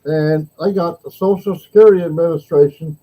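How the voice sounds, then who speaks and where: A man's voice: a little high, brisk, highs cut off. A man in his sixties chatting casually as host, rambling through stories and laughing easily. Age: 60s. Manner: relaxed, rambling storyteller who laughs easily. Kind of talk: casual chat.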